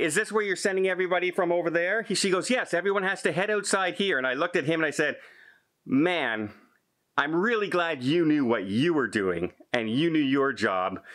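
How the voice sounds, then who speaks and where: A man's voice: fairly high pitch, a bit bright. A man in his fifties from Canada, a travel vlogger telling an exasperated story straight to camera, gesturing as he retells an argument.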